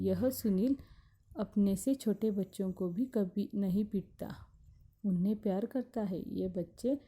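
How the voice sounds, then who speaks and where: A teacher reading a wise moon uncle. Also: female voice, mid-range voice, dark tone, husky. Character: wise kindly moon uncle, male, fatherly.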